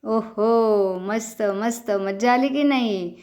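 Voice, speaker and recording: Woman, laughter yoga leader, exclaiming and laughing, higher voice, very unhurried delivery. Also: a little mellow. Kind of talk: leading a children's laughter yoga session.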